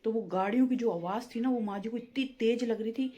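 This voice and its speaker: A woman vlogger chats through a family story at a relaxed pace. Her voice is mellow and warm, and she keeps slipping in little "na" and "matlab" fillers as she talks. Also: fairly high pitch, brisk. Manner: chatty and homely, peppering speech with "na" and "matlab". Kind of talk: casual storytelling vlog.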